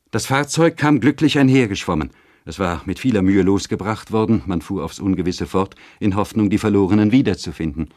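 Male narrator, deep low voice, steady literary audiobook reading. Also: no room sound, studio quality. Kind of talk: scripted narration of a classic novel.

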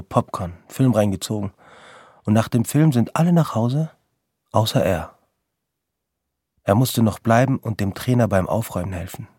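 A young man narrates short episodes in blunt, slang-heavy speech. His voice sits low and husky. The recording is close and dry, with no room sound. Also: darkish tone, no echo. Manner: blunt, street-slang narration with quoted outbursts. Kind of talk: storytelling monologue in vignettes.

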